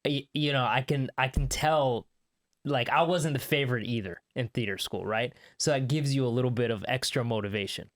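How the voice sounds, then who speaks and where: A young adult man from Canada hosts a casual interview podcast. He speaks at a mid pitch in an easygoing, conversational way, stacking up long questions for his guests. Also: a little fast. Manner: relaxed, conversational, asks long winding questions. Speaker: podcast host.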